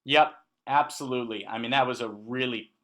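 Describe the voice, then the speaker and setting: A man co-hosting a casual sports podcast, animated and prone to hesitant restarts as he leads each segment. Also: medium pitch, a little fast. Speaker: podcast co-host.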